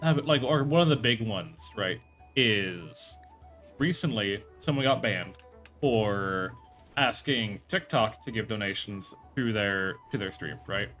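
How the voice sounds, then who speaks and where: A man's voice: on the low side, a little slow, fairly bright tone, faint music behind. A man streaming live, talking casually and rambling, with many fillers, restarts and some swearing.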